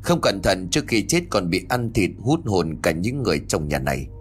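A man voicing a calm, grave older exorcist who explains in a measured way. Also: low-pitched, husky, full character voice. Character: calm older male exorcist, stern and knowing.

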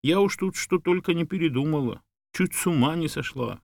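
A man voicing a fussing elderly woman who wails and dotes in a high sing-song. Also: brisk, creaky, dry recording. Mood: grateful chatty.

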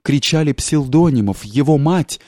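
A man reading a literary story aloud in a measured, unhurried storytelling manner. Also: on the high side, animated, a little mellow, no echo, clean studio sound. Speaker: audiobook reader. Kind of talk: literary audiobook narration.

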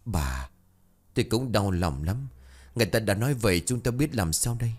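A man voicing a heartbroken father who speaks quietly and wearily, trying to console his wife. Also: lowish voice, lively intonation, moderate pace. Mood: weary consoling. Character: heartbroken older father, subdued and steady.

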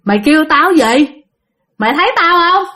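Woman putting on a shrill taunting hag ghost. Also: expressive, moderate pace, pushed and bright. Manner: taunting, threatening, shrill calling. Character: menacing fanged old hag ghost woman.

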